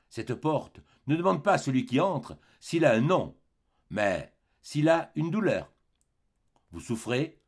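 A man reading the part of a gentle, kindly old bishop in an audiobook, speaking softly and consolingly. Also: on the high side, pitched above the performer's own voice, exaggerated voice. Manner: soft, warm, consoling.

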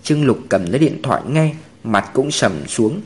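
A man's voice: mid-range voice, expressive, moderate pace. A man reading a crime story aloud as its narrator. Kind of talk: audiobook narration.

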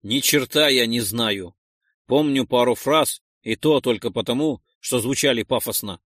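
A man's voice: mid-range voice, moderate pace, a bit bright, no room sound, clean studio sound, lightly acted. A man voicing a coarse former farmer who swears and barks at the others. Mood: grumbling. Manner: gruff, swearing, barking. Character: coarse male ex-farmer, foul-mouthed and surly. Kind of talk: audiobook character voice.

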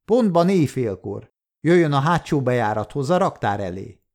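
A man's voice: mid-range voice, big pitch swings, a little mellow. A man reading the part of a sly, greedy male shopkeeper who buys stolen goods and probes with questions.

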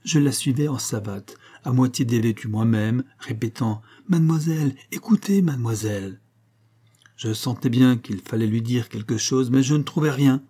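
A man reading a classic short story aloud as narrator, in a measured storytelling manner. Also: mid-range voice, steady tone, dark tone. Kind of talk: scripted audiobook narration.

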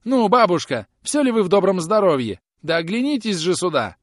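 A man's voice: high voice, sing-song, a little fast, no echo, voice pushed up. A man reading an audiobook, voicing a frightened young male errand lad with a whining, pleading manner. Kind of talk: audiobook character voice.

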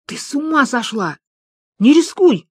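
A brash, impulsive woman who blurts out whatever she thinks, as an audiobook narrator voices her. Her lines come at a middle pitch with a dry, close sound. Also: brisk, dry recording, natural voice. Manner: tactless, fervent whispering.

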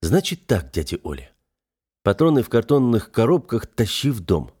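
A man's voice: medium pitch, sing-song, moderate pace, a little mellow, breathy edge. A man voicing a wry, practical young male hero, close to his own reading voice. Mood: commanding. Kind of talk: audiobook character voice.

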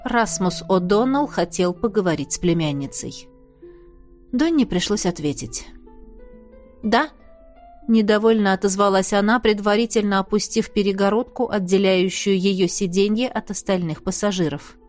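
A woman narrating an audiobook in a measured, even scripted reading. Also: medium pitch, soft background music.

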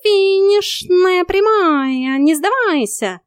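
A woman's voice: high-pitched, expressive, unhurried, darkish tone, no room sound, studio quality, pitched above the performer's own voice. A woman voicing a cheeky male talking cat who teases like a bossy fitness coach in an audiobook. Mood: mocking. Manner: teasing, bossy drill-instructor banter. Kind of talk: audiobook character voice.

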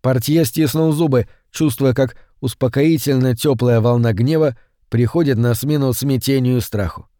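A man narrates a horror audiobook in a steady, measured way. His voice sits at a middle pitch. The recording is close and dry. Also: no echo.

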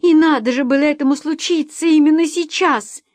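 A woman's voice: on the high side, measured pace, a little mellow, no room sound. A woman voicing a young mother who is frightened and close to tears, speaking in a pleading, rising tone. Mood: tearful. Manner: tearful, pleading, rising in alarm. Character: frightened young mother searching for lost daughter. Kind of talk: audiobook character voicing.

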